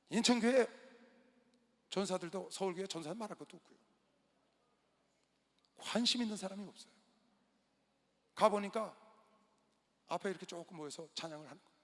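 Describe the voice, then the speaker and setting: A male pastor preaching a sermon in a large gymnasium, telling a story with sudden loud outbursts and quiet asides. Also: high voice. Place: large indoor gymnasium used as a church hall. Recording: long reverb of a large hall.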